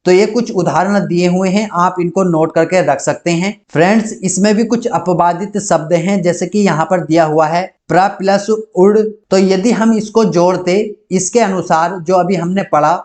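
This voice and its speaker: Guy with a high voice explaining grammar rules one by one, slow and methodical, close mic. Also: a little mellow. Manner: methodical, repeats each rule step by step. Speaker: grammar teacher. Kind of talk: online grammar lesson.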